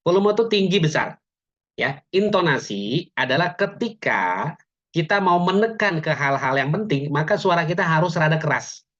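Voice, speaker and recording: In a dull, lo-fi webinar recording over a video call, a man with a highish, fairly bright voice lectures on public speaking. He's animated and chatty at a normal speed, tossing in joking asides and tagging lines with "ya."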